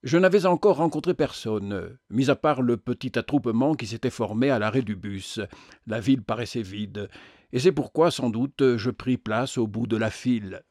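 A man narrating a novel as an audiobook, in a measured reading with occasional hesitations. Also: medium pitch, a little mellow, no echo, studio quality.

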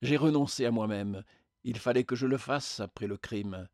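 Man doing a calm radiant spirit. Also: medium pitch, moderate pace, no echo, clean studio sound, close to an everyday voice. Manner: calm, gentle, reassuring. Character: serene radiant male spirit, calm and patient.

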